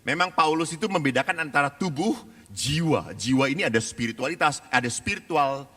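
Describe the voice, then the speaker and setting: Male priest, fairly high voice, very animated storytelling, long hall reverb. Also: brisk. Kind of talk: lively seminar talk.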